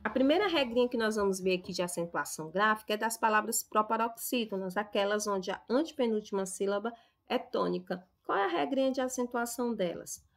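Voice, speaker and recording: A woman's voice: medium pitch, animated. Young adult woman from Brazil, schoolteacher, patient explainer who checks in often. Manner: explains slowly, stresses example words, checks in with "tá?". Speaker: teacher. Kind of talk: recorded classroom lesson.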